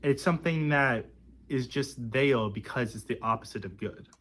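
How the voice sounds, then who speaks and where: Conversational man explaining, mid-pitched voice. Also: normal speed, a bit bright. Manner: didactic, conversational. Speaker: video speaker explaining religious belief. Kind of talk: informal explanatory talk.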